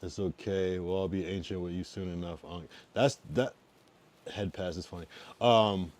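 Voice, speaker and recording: Here's a relaxed East Coast streamer in his thirties, from Massachusetts and Connecticut, casually talking to viewers. His voice sits low, with fairly even intonation and a normal speed, and he tends to get loud before drifting into mumbles.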